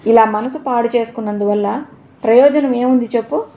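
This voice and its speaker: An older man, quietly grieving, speaks in a choked and subdued way to comfort his wife, as a woman narrator puts him on. It is a spoken storybook reading with little change from the narrator's own voice. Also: fairly high pitch, fairly quick, lightly acted. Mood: sorrowful.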